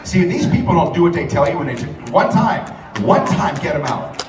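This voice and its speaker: A rally speaker and radio host shouts an impassioned, profane, repetitive speech over music in a big event hall, his voice fairly high, animated, and brisk. Heard from a distance in the echoing hall, he competes with loud crowd and hall noise.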